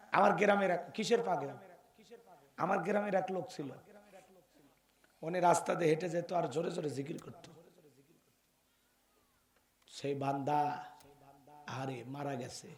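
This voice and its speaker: Impassioned high-voiced man preaching. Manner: chanting, rising to impassioned shouts, calls for audience responses. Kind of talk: sermon.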